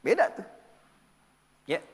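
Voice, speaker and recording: A man preaching a sermon in a lively manner, asking his audience questions and answering them himself. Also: takes it slowly, long reverb tail. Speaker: Islamic preacher.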